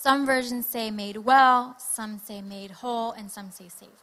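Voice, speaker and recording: A woman preaching a sermon and reading scripture aloud, pausing after each short phrase for her interpreter. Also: on the high side, steady tone, a bit bright.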